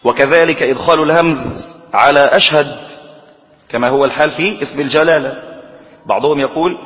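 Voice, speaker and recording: A man with an Egyptian Arabic accent teaches a religious lesson, explaining each point and now and then chanting a line as an example. His voice sits a little high for a man. It rings out with the long reverb of a big hall. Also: brisk, a bit bright. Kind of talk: religious lesson on correct call-to-prayer recitation.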